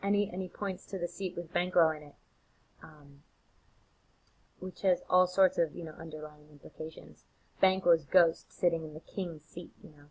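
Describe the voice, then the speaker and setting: A woman's voice: lowish voice, steady tone, moderate pace, a little mellow, husky, rough recording. A woman teacher giving a recorded lecture in a casual, chatty way, with many fillers and restarts. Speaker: literature teacher.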